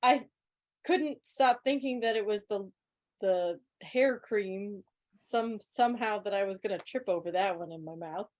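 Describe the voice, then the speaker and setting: On an online video meeting, a woman hosts a quiz with casual, chatty live trivia commentary and wry joking asides. Her voice is medium-pitched and measured in pace.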